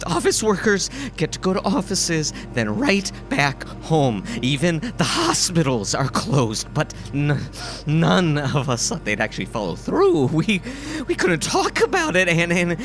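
A nervous little young man who stammers and sputters in a voice pushed far above his own, swinging wildly up and down. He drags his words out slowly, with faint music underneath. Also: on the high side, wildly swooping pitch, pitched above the performer's own voice. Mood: panicked. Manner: stammering, frantic whispering outbursts. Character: jittery, panicky small young man. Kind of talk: audiobook character voice.

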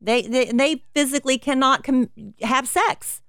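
A woman's voice: high voice, a little slow, fairly bright tone, no echo, clean studio sound. A middle-aged woman hosting an advice podcast, giving frank, blunt advice in a casual, folksy way.

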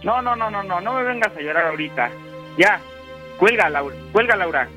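A man plays a possessive young boyfriend in a radio prank call. He sounds high and bright, curt and snapping. Faint music runs behind him. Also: animated, brisk. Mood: impatient.

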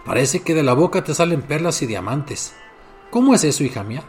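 A man's voice: a little high, expressive, normal speed, faint music behind, close to an everyday voice. A man doing a greedy, harsh storybook mother. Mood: demanding.

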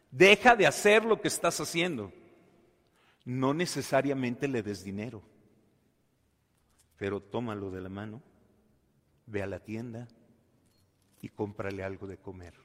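A man preaching a sermon. He tells a story with dramatic swings from soft to loud and asks the listeners questions. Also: mid-range voice. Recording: long hall reverb.

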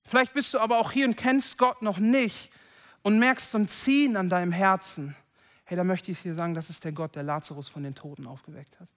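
A man preaching a sermon at a church service, impassioned and building to loud calls to his listeners. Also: high-pitched, brisk.

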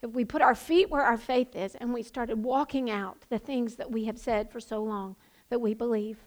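A woman's voice: a little high, fairly even intonation, normal speed. A woman pastor preaching a sermon, passionate and building to emphatic proclamations.

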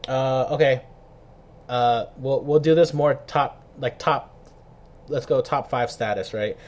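A man's voice: mid-range voice, slow, a little mellow. Slangy man hosting a podcast. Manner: slangy, swearing, chummy. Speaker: podcast host. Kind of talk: casual interview chat.

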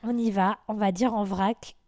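A woman in her thirties co-hosting a podcast, leading the casual chat with lively enthusiasm. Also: mid-range voice, normal speed, dry recording, clean studio sound. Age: 30s. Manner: lively, enthusiastic, leads the talk. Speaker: podcast co-host.

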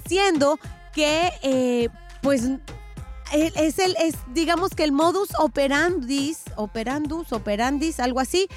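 Very high-pitched woman radio gossip host. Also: unhurried. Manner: playful, theatrical. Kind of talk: casual celebrity gossip commentary. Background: faint music.

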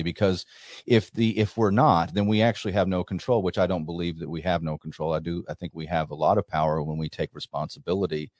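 Male talk show host, low voice, dry close sound, chatty and rambling. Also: darkish tone, no echo. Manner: conversational, many fillers and restarts.

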